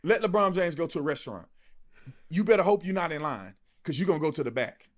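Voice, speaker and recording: A political commentator with a slightly high, expressive voice delivers an impassioned, colloquial opinion monologue at a quick pace. He is emphatic and repetitive, frequently firing off rhetorical questions.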